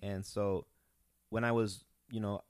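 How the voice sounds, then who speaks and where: A young man from Peru, a comedian, telling rambling, animated stories in a casual podcast chat. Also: fairly low pitch, unhurried, no room sound, clean studio sound. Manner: rambling, animated storytelling with restarts. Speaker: guest comedian.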